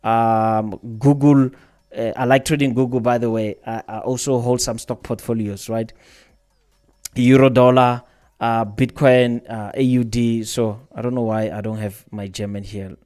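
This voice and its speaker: A man's voice: mid-range voice, fairly even intonation, a little slow, a little mellow. A man hosting a trading livestream, talking casually and rambling, often repeating his words while answering viewers' questions. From South Africa.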